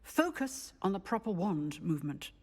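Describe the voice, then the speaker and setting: An actress voicing a strict female magic professor who speaks in crisp, formal sentences in a video game. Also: lowish voice, big pitch swings, moderate pace, a little mellow, big-room sound. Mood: stern. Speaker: professor teaching a spell.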